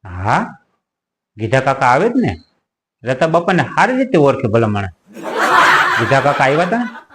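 A man's voice: medium pitch, sing-song, normal speed, long pauses, heavy background noise. A man telling a rustic village comedy story, chatty and laughing often. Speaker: comic storyteller.

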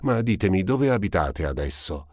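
A man's voice: very animated, moderate pace, darkish tone, no echo. A man voicing a ragged chattering street girl. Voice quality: raised, girlish pitch. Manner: eager, rambling, pleading.

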